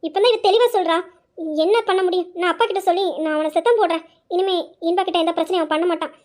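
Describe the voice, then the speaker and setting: A woman's voice: fairly even intonation, racing, a little mellow. A woman voicing a quarrelsome, scheming young wife who accuses and threatens in an amateur audio drama. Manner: shrill, accusing.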